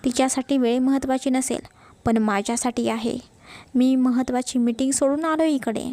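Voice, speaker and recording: A woman's voice: high-pitched, fairly even intonation, normal speed, warm tone, dry recording, close to an everyday voice. Woman voicing an arrogant young businessman. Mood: resentful. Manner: haughty, irritated. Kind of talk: storybook narration.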